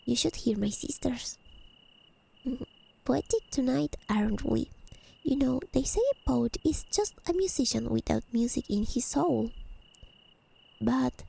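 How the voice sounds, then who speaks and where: A woman plays a haughty high-realm fae lady, unhurried and pausing often, her high, mellow voice carrying a creaky edge. The heavily acted performance is flirtatious and admiring as well as teasing and possessive, with elegant, formal phrasing. This soft-spoken ASMR roleplay has crickets chirping behind it and poor audio.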